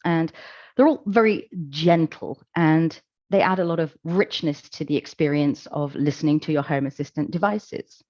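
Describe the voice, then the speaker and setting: A woman giving a conference presentation, explaining in a measured, calm way with occasional fillers. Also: deep voice, dry recording, lo-fi sound. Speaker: conference speaker. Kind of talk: presentation talk.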